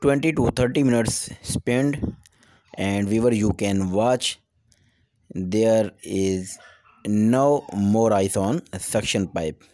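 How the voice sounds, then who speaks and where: A man's voice: lowish voice, slow pace, warm tone. Pakistani-accented man giving repair instructions. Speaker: technical tutorial host.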